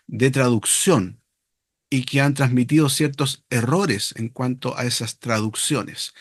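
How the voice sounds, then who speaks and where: A man's voice: mid-range voice, no echo, clean studio sound. A man teaching a seminary class on biblical Hebrew, speaking off the cuff, often stopping on fillers and repeating words.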